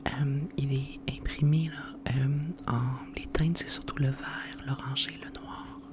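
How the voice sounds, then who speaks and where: An ASMR host with a Quebec French accent presents a book in a hushed, unvoiced library whisper, explaining things informally and without hurry. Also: medium pitch, little pitch movement, a little slow.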